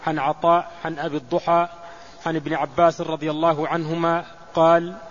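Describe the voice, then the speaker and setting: A man reading a classical religious text aloud to his teacher, reciting narrator chains in a steady, formal way. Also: fairly high pitch, fairly quick. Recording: muffled lo-fi recording with faint hiss.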